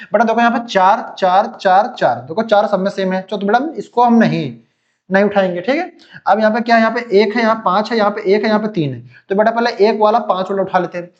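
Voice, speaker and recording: A man's voice: high-pitched, muffled recording. A male teacher giving an online exam-prep lesson, talking straight to his students, filling gaps with "theek hai" and calling them "beta", still getting over a cold. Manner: talks directly to students, calls them "beta", lots of "theek hai" fillers. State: recovering from a cold, still coughing.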